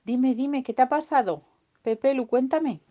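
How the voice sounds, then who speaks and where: A woman's voice: high voice, moderate pace, warm tone, lightly acted. A woman voicing a big, kind, motherly female cow-dinosaur in a bedtime story, speaking in a soothing, coaxing way. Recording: dull lo-fi recording.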